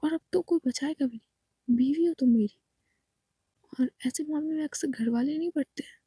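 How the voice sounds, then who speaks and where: A woman voicing a controlling, threatening young wife who issues loud demands in a low, pushed voice, in a storybook reading. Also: measured pace, breathy edge, dry recording, heavily acted. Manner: menacing, commanding, raised voice.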